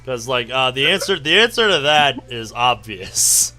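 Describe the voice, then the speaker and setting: Brief: easygoing young co-host, bright tense voice, chatty. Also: male voice, medium pitch, expressive, faint music behind. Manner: easygoing, quick to laugh. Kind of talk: casual chat while playing.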